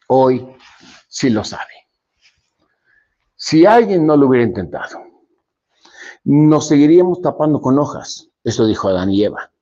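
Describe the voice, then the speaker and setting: A man giving a motivational speech, dramatic, swinging between loud emphasis and soft, low lines. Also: very animated, measured pace, pauses often. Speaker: motivational speaker. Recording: dull lo-fi recording.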